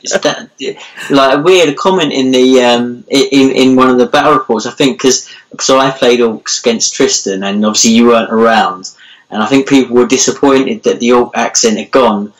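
A man's voice: medium pitch, normal speed, poor audio. Man hosting a casual chat. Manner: many fillers, leads the conversation. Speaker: show host.

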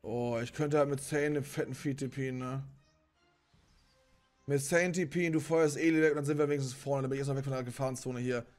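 A young man streaming a party game with friends, excitably exclaiming and cursing at every turn. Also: medium pitch, fairly quick, soft background music. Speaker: gaming streamer playing with friends. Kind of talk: excited multiplayer gaming chat.

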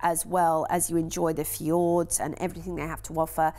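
An English woman with a slightly low voice hosts a TV shopping segment. She talks in a chatty, enthusiastic way and fills her pauses with ums, recorded on a studio mic. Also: flat delivery, mellow. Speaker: cruise sales presenter. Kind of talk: TV shopping channel presenting.

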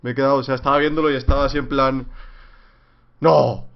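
A young Spanish man rambles through viewer questions on a home livestream, joking and suddenly getting loud. His voice sits at a middle pitch. The stream audio is a little dull and lo-fi. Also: level tone, racing, smooth. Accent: Spain. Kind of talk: casual livestream Q&A.

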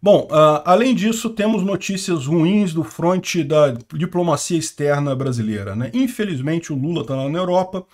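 A man hosts a news commentary on the war. His voice sits a little higher than most men's. He talks informally and bluntly, with strong opinions and frequent conversational tags. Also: animated, moderate pace, few pauses, a little mellow. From Brazil. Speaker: host of a war news channel. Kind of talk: news commentary over a map.

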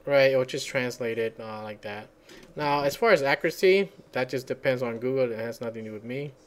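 A man's voice: mid-range voice, a little fast. A man hosting a casual screencast tutorial, rambling and thinking aloud as he searches for words. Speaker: software tutorial host. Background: computer keyboard typing.

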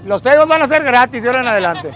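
His pitch is extremely high and his delivery racing and very animated, a bit bright, as this middle-aged northern Mexican campaigner calls out to passers-by in affectionate slang. The setting is a dusty neighborhood street outdoors. The noisy clip is phone video shot from a few meters away.

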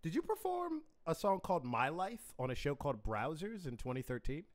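A man's voice: a little high, big pitch swings, fairly quick. A man hosting a casual interview, joking and teasing his guest and laughing often. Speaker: host.

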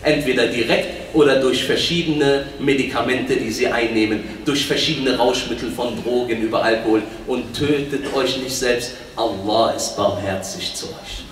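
A man preaching a sermon with passion, moving between loud appeals and low, quiet asides, and reciting verses in Arabic. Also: normal speed, hardly any pauses. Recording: echoey hall from far off with faint noise.

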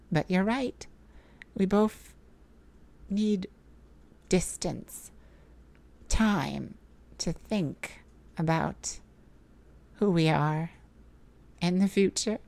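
Her medium-pitched voice is animated and dark as she plays a heartbroken yet determined mage in an emotional audio roleplay. She speaks tenderly, intimately, and haltingly, pleading with resignation and love.

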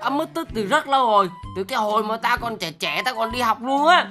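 A woman voicing a kindly, forgetful old man in a game role-play, talking slowly and asking puzzled questions. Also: a little high, animated, sharp tone, soft background music.

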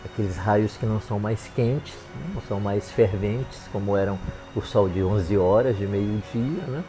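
An older man, a clinical psychologist, giving a slow reflective monologue full of tag questions. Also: lowish voice, over music. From Brazil. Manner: unhurried, musing, tag questions.

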